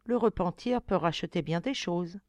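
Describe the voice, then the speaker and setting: A woman's voice: fairly low pitch, moderate pace, darkish tone, no room sound, natural voice. A woman voicing an unseen magical voice in an audiobook, solemn and encouraging, near her own tone. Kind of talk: audiobook reading.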